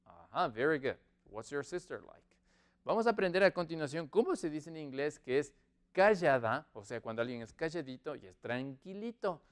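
A man runs an online English lesson for Spanish speakers, his voice smooth and clear with a fairly high, lively pitch that swings up and down. He drills each new word, stretching the English phrases out slowly so learners can repeat them. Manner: slow, drawn-out English model sentences between quick Spanish explanations. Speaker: English teacher.

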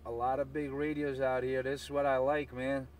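A CB radio operator with a mid-range voice chats on air, chanting repeated phrases and call signs in a flat delivery at a moderate pace. The noisy CB audio has him partly far from the mic.

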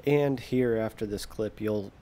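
Young american guy talking over his gameplay, lowish voice, laid back, faint rumble behind him. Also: measured pace. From United States. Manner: relaxed, self-deprecating, trails off mid-sentence. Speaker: gaming video creator. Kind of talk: casual gameplay commentary.

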